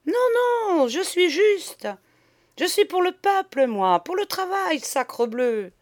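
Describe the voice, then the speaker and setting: A loud, swaggering middle-aged master of the house, voiced by a woman reading a storybook. He brags, curses and raises his voice high and strong in an audiobook reading. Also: lively intonation, slow pace, full character voice. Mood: blustering. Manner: loud, swaggering, swears freely.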